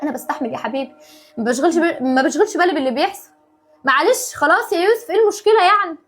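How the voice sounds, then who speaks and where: Playing an overburdened young wife and mother in a home-video family sketch, a woman with an Egyptian accent speaks in a high, animated, slightly bright voice with faint music behind her. Her talk is fast, exasperated, and pleading.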